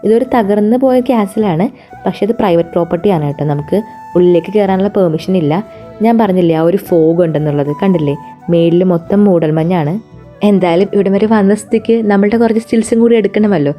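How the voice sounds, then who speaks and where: Over background music, this travel vlogger speaks quickly in a dark, lowish voice. She has a Malayali accent and mixes English words into her casual Malayalam narration.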